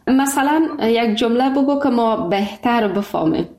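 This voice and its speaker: A woman's voice: a little high, lively intonation, mellow, echoey room. A woman hosting a call-in radio show, chatting in a friendly way with callers and laughing often. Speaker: radio host.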